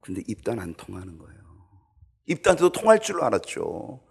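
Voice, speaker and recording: A man preaching a sermon as pastor in a church, animated and acting out quoted voices. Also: mid-range voice, fairly quick, gravelly, breathy edge.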